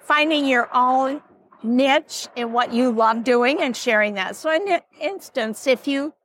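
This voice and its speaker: A woman's voice: sits high, a little slow, a bit bright, slight background noise. An older woman, a grandparent and author, answering interview questions in a teacherly, explanatory way. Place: event floor at a toy show.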